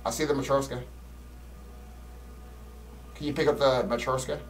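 A man's voice: fairly even intonation, normal speed, distant mic, slight background noise. A man giving casual, slangy, profane commentary as he plays a horror game, griping bluntly at it. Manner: swings between muttering and loud high-pitched exclamations. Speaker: game streamer playing a horror game.

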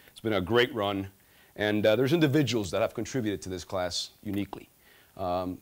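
On a large auditorium stage, a male student speaker from Guatemala tells funny stories, animated and gesturing as he goes. His voice is on the low side.

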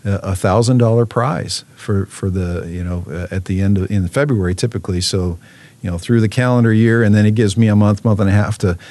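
A man's voice: lowish voice, steady tone, fairly quick, dark tone. A man, a fishing program manager, talking casually in an interview, with many fillers and restarts.

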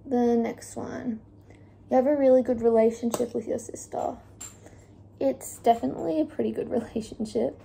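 Young woman, gravelly chatty vlog voice. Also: on the high side, steady tone, moderate pace, mellow, slight background noise. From Australia. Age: young adult. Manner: chatty, talks while cooking with fillers. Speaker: vlogger. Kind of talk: casual cook-along chat. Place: home kitchen, indoors. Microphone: phone camera on the counter.

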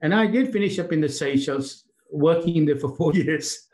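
An older man from Pakistan who grew up in Britain tells his life story as a guest over a video call. His voice sits a little high for a man, and he talks in an animated way, repeating words as he goes. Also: moderate pace. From Pakistan, raised in Britain. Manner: animated, repeats words, laughs between phrases. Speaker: guest, chamber of commerce president. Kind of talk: casual interview storytelling.

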